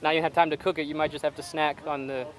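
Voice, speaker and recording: A man's voice: on the high side, flat delivery, racing. A man, a soldier, giving brief plain-spoken answers. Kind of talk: casual answers. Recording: outdoors with crowd noise behind. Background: crowd chatter.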